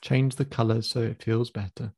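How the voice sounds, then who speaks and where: Gravelly-voiced man guiding a visualization. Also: mid-range voice, no room sound, clean studio sound. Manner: slow, calm, instructive pacing with counted cues. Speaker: therapist guiding a client. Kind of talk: guided visualization exercise.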